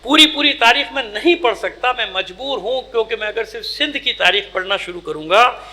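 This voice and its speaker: A male cleric delivering a sermon at a mourning gathering, emphatic and scolding, firing rhetorical questions and swinging between loud outbursts and low asides. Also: lively intonation. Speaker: Shia cleric giving a majlis. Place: imambargah during a mourning gathering.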